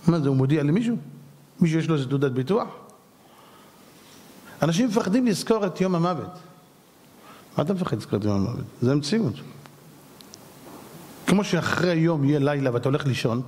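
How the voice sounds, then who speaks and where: A man, a rabbi, preaching a lively sermon with humorous stories, dramatic and rising to shouts for emphasis. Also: fairly high pitch. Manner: animated, dramatic storyteller who rises to shouts for emphasis. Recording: long hall reverb.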